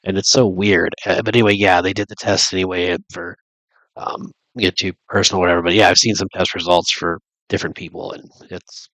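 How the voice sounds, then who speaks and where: A deep-voiced man with a gravelly edge talks through a loose, rambling monologue. His nose is stuffed up from a cold, and he circles his points with restarts and fillers. The sound is close and dry. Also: flat delivery, fairly quick, a bit bright, dry recording, poor audio. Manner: thinking aloud, many restarts and fillers. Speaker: vlogger.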